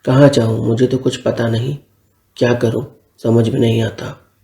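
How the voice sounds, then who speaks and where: A man's voice: mid-range voice, level tone, a little slow, creaky, dark tone. A man voicing an emotional young woman, an elder sister about to marry, talking in a hurt, pleading and scolding way. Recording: roomy echo.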